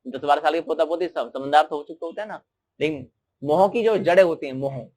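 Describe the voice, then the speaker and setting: Brief: male sermon storyteller, high voice, lively and questioning. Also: fairly quick. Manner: animated, asks the listeners questions. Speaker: storyteller preacher.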